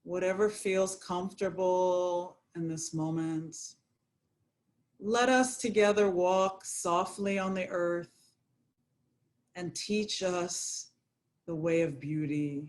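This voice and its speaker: A woman guiding a yoga nidra meditation, speaking in a slow, soothing, prayerful way. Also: lowish voice, fairly even intonation, a little mellow. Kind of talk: guided meditation.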